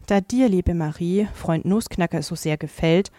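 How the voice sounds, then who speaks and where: A woman voicing a calm, firm father who speaks in a measured, lowered voice. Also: no room sound, soft background music, natural voice.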